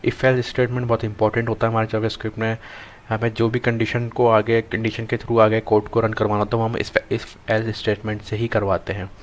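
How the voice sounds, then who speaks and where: Young male programming tutor, low monotone voice, halting think-aloud delivery at a desk mic. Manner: thinks aloud while typing, halting with many restarts. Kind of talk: screen-recorded coding lesson.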